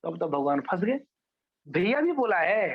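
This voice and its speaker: A man with a high voice preaches in a lively storytelling way. He asks questions and answers them himself. The recording is dull and lo-fi. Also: unhurried, breathy edge. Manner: animated, asks and answers his own questions. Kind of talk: storytelling sermon.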